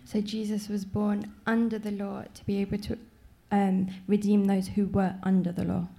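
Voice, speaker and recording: A woman giving a live, line-by-line English translation of a French sermon, in an even, measured church-interpreter delivery. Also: mid-range voice, vocal fry.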